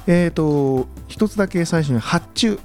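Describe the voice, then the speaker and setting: A male lecturer explains business phrases on the radio in an easygoing way, full of fillers. His tone is mellow and dark, but his pitch moves a lot. Faint music sits under the studio sound. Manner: relaxed, many fillers, slow careful English examples. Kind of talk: radio lesson chat.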